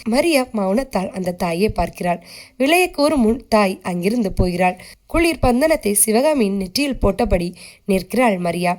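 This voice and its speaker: A woman reading a short story aloud as a steady, scripted narration, keeping the characters close to her own voice. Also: mid-range voice, moderate pace.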